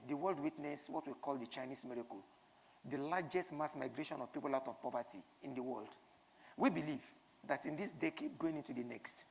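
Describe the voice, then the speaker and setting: A woman's voice: rumbling low, gravelly, in a large hall. A woman with a Nigerian accent giving a keynote speech in front of an audience, emphatic, with rhetorical questions and repetition. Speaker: keynote speaker.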